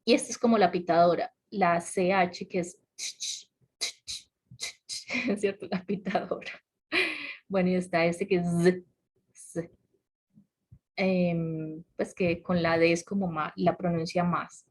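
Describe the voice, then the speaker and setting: A woman's voice: fairly low pitch, little pitch movement, moderate pace, darkish tone. Woman teaching an online class. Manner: explains patiently, asks the class questions, laughs lightly. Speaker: English teacher. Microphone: computer mic on a video call.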